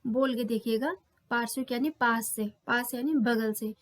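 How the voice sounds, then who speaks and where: A woman's voice: a little high, fairly even intonation, normal speed. A woman teaching a grammar lesson for exam preparation, explaining patiently and sounding out letters one by one. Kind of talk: exam-prep lecture.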